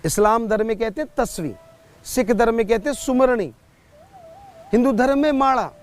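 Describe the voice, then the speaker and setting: A man giving a spiritual sermon, telling a story in a slow, measured way. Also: very high-pitched. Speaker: spiritual preacher.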